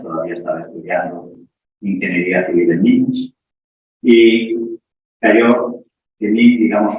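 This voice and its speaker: A man, a priest, giving a conversational talk to a parish group, pausing on fillers and restarting phrases as he thinks aloud. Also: on the low side, slight background noise. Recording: echoey room heard from far off, dull sound.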